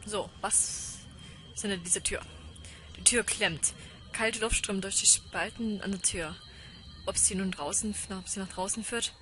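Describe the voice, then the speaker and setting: A woman's voice: medium pitch, a little slow, music in the background. A woman commenting casually on a horror game she plays, reading its text aloud and chanting panicky repetitions when scared. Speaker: let's play gamer.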